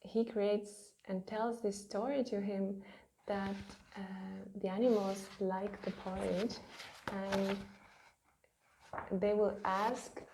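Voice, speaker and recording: A woman who speaks natively, talking gently and thoughtfully with frequent pauses in a casual vlog from her home studio. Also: medium pitch, flat delivery, a little hiss or hum. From Estonia. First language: Estonian. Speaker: children's book illustrator.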